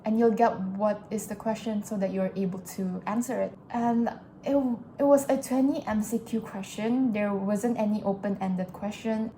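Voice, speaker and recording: A young native English speaker records a casual vlog diary, explaining things in a chatty way with plenty of "like" fillers. Her voice is fairly high-pitched but dark in tone, and the low-quality recording has a little hiss or hum.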